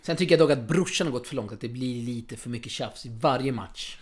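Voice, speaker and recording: A man hosting a casual tennis podcast in a chatty way, with quick asides and frequent fillers. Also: medium pitch. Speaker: podcast host.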